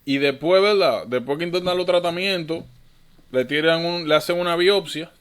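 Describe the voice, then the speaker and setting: A man's voice: fairly high pitch, normal speed, a bit bright, clear, resonant tone. A man tutoring medical students in an online lecture, informal and thinking aloud, often correcting himself.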